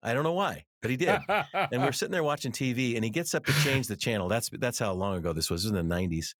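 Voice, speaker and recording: Speaking fast in an expressive, mid-range voice with a fairly bright tone, this middle-aged American author and ministry teacher is a guest in an interview. He's earnest and conversational, sharing stories and repeating words to drive points home. The studio recording is clean, with no echo.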